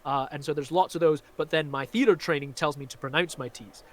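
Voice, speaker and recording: This live-streaming magician, originally from Scotland, speaks briskly in a slightly high voice with a faint Glaswegian accent blended with American. He's chatty and rambling, his talk packed with fillers.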